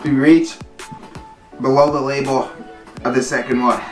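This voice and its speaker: Echoey, halting casual vlogger of medium pitch. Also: fairly even intonation. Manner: halting, repetitive, filler-heavy with "like". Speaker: YouTube challenge host. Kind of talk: casual vlog chat to viewers. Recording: echoey room, distant mic, faint music.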